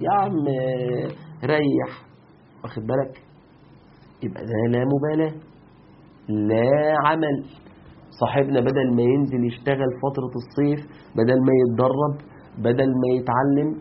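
A man's voice: medium pitch, narrow, tinny audio, slight background noise. A man with an Egyptian accent giving a religious moral lecture. He asks rhetorical questions, mocks, and counts off numbered points. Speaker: preacher.

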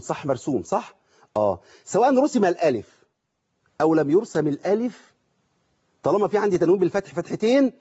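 A man's voice: on the high side, mellow, husky. A man with an Egyptian accent teaching Quran recitation rules. He keeps asking questions and answering them himself. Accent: Egyptian Arabic. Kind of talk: tajweed lesson with recited examples. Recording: dull lo-fi sound.

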